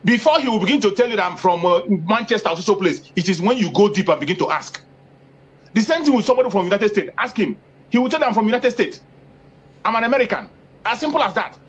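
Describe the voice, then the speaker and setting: Dull, lo-fi audio with a faint hiss or hum carries a man speaking as an activist in a heated political interview. His delivery is quick, expressive and emphatic, with repeated phrases for force and rising pitch when he stresses a point.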